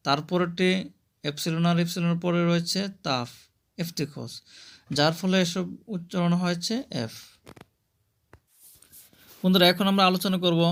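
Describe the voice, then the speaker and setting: A man with a slightly raised voice teaches a pronunciation lesson, working through example words on screen. He talks patiently, listing letters and repeating each example slowly so that viewers can follow along. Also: a little high, fairly bright tone. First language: Bengali. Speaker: language teacher. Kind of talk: screen-based language lesson.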